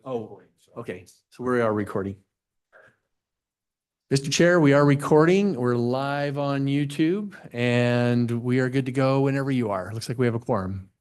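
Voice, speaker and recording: A man's voice: medium pitch, normal speed, a little mellow. Casual man running meeting roll call. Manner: casual, checks pronunciations.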